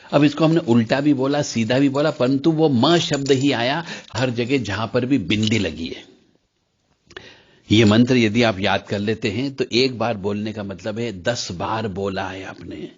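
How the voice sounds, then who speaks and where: A man's voice: medium pitch, unhurried, slightly rough, lo-fi sound. A man teaching how to pronounce mantras in an explanatory talk, chanting examples between his explanations. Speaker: spiritual teacher.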